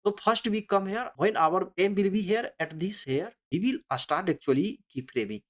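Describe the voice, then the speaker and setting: In a mid-range voice, a software tutorial instructor talks through step-by-step instructions without a script, his English halting, repetitive, and marked by non-native phrasing.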